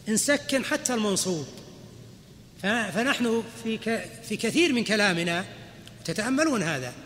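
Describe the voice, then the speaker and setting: A man with a high-pitched, sharp and bright voice lectures on grammar like a sheikh at a lesson, breaking each rule into small steps and tossing quick questions to his students. His voice rings in a reverberant hall over a faint background hiss. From Saudi Arabia. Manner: explains step by step, quizzing the class with quick questions. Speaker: sheikh teaching Arabic grammar. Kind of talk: classroom lecture.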